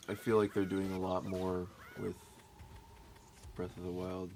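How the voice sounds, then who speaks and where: A man's voice: sits low, completely flat delivery, measured pace, darkish tone, slight background noise. A young man co-hosting a game stream, answering in a casual, hesitant way and trailing off. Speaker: co-host. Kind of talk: casual gaming chat.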